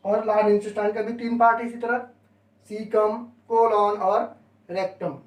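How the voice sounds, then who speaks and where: A man's voice: sits high, little pitch movement, moderate pace. A male biology teacher explains each term step by step and mixes English words into his speech. He sounds set back from the mic. The room around him is roomy and echoing. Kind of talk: classroom lecture. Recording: echoey room, voice from a distance.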